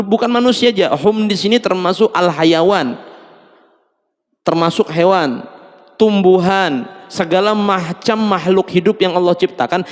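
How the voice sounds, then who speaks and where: A man preaching at a mosque study session, joking and laughing often and slipping in Javanese words. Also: on the high side. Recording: long mosque reverb.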